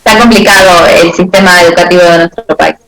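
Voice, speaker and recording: Una profesora con acento argentino da una clase y a cada rato verifica con "¿sí?" que sus alumnos entiendan. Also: female voice, lowish voice, steady tone, fairly quick, echoey room, over a noisy crowd, low-quality recording. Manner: checks understanding with frequent "¿sí?". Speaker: teacher. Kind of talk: class lecture with questions to students.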